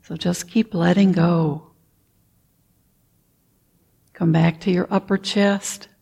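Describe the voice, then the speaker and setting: A woman leading a guided meditation, talking softly and calmly, with frequent throat clearing. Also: fairly low pitch. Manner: slow, soft-spoken and calm, with frequent throat clearing. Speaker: meditation teacher.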